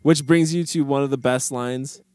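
A man hosting a casual movie-chat podcast, playful and quick to laugh. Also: mid-range voice, steady tone, darkish tone, clean tone, no echo. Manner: playful, quick to laugh, mock sports-commentary. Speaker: podcast host.

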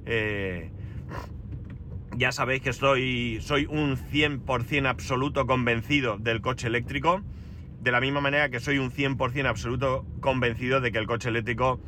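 A middle-aged man with an accent from Spain talks casually to his listeners in a wry, grumbling way. His voice is bright and forceful, mid-pitched, and carries a head cold. A faint vehicle-like noise sits behind him. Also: steady tone, normal speed. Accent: Spanish from Spain. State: has a head cold with runny nose. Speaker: podcast host. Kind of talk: casual personal monologue.

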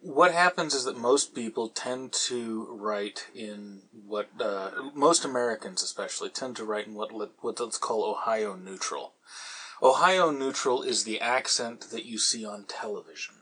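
A man's voice: fairly low pitch, animated, a little slow, fairly bright tone, breathy edge, rough recording. Man lecturing casually with ums. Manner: digressive, lecturing, with frequent ums and repeated words. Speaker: podcast host answering a listener question. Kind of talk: casual explanatory talk.

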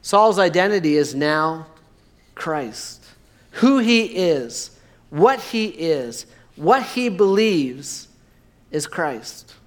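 A man preaching a sermon, measured and emphatic, slowing down on key words. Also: a little high, lively intonation. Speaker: pastor.

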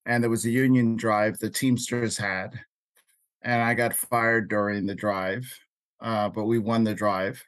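An older man with a Queens New York accent, recalling things in an interview in a halting way, often pausing mid-sentence. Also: on the low side, level tone, a bit bright, dry recording. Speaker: interview guest, labor activist. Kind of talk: unscripted interview recollection.

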